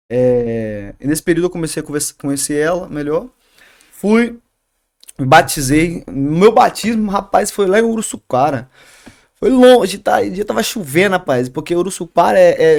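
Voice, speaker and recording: A man with a gravelly, rough-edged voice shares his faith testimony as a podcast guest. He talks in a halting, earnest way, often restarting his sentences and ending them with a questioning tag. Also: medium pitch. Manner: halting, many restarts and "né?" tags. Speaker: podcast guest, barber and youth leader. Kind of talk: emotional testimony in casual interview.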